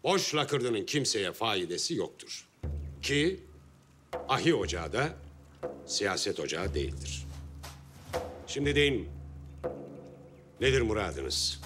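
An earnest middle-aged guild sheikh, addresses others in a historical drama. His voice is fairly low and moves widely between calm counsel and firm admonishing. Music runs underneath. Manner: measured, admonishing, commanding when needed. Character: earnest male guild sheikh leading a council.

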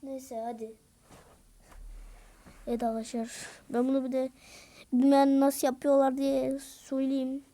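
A woman doing casual gameplay commentary, excitable and slangy, yelling at teammates in bursts. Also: high-pitched, normal speed. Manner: slangy, rough-talking banter. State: out of breath. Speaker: gaming video creator. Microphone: screen-recorded game commentary mic.

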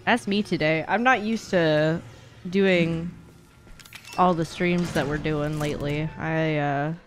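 Here the young woman's voice is deep, slow and steady in tone as she streams from her indoor room. Horror game sounds carry on behind her while she keeps up playful, slang-filled, chatty commentary on her live gameplay.

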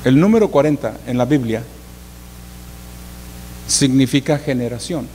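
A man's voice: mid-range voice, unhurried, warm tone. Preacher in his forties. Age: 40s. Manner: repetitive, asks the congregation questions. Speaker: pastor. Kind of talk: sermon. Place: church hall. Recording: reverberant hall, faint hum.

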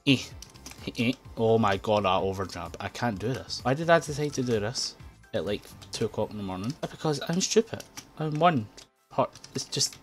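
A young man narrating his own gameplay, quick to frustration and laughter, at a desk mic near his keyboard. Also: on the low side, soft background music. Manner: excitable, frustrated outbursts and laughing. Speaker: gaming YouTuber. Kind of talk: let's play commentary. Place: home room at a computer.

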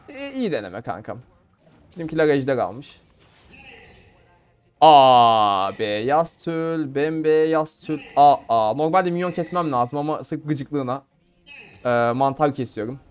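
A young man from Turkey giving casual, playful commentary on his own gameplay, laughing and talking to viewers. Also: a little high. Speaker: gamer streamer.

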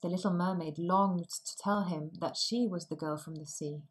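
A woman narrating a fairy tale slowly and clearly for language learners. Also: fairly low pitch, steady tone, rough recording. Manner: slow, clearly articulated. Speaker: storyteller.

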